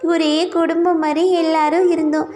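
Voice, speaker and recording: A woman voicing a gentle, lonely female tree in a cartoon story, speaking sorrowfully over faint music. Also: very high voice, little pitch movement, moderate pace, voice pushed up. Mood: sad, lonely. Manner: sorrowful, pleading.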